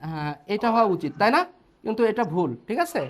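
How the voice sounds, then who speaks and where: A man's voice: high-pitched, expressive, fast. A man teaching an online English class, explaining step by step and checking in with his students.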